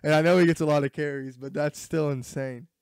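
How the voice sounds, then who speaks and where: A man's voice: fairly high pitch, fairly even intonation, fairly quick, darkish tone, clean tone, no echo, clean studio sound. A man co-hosting a podcast, talking sports in an emphatic, opinionated way, his voice cracking at times. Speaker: podcast co-host. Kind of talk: casual sports chat.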